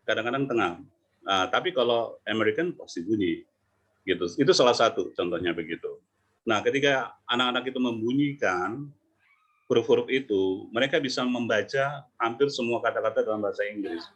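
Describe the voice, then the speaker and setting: A man coaching English pronunciation online, talking lively and sounding out letters and words over a video call. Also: medium pitch, a little fast. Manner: lively, demonstrating sounds aloud. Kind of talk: online teaching talk.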